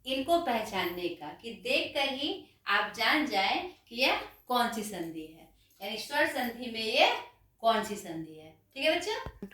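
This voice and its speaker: A woman teaching a grammar lesson to children, speaking slowly and patiently, asking questions and answering them herself. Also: fairly high pitch, a bit bright. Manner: slow, patient, calls the students children. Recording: very echoey room, voice far from the mic.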